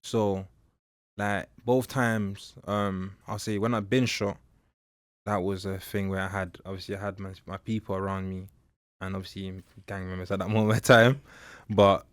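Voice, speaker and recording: A young man born in Nigeria, a mentor and public speaker, telling his story in an interview in a halting, reflective way with many fillers. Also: on the low side, flat delivery, no echo. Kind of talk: candid personal interview.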